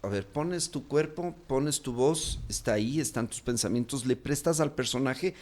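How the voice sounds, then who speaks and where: A man's voice: mid-range voice, normal speed, darkish tone, soft background music. A man with a Quito Ecuadorian accent, an actor chatting as an interview guest, rambling with many fillers and restarts. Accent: Quito Ecuadorian Spanish. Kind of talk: casual interview talk.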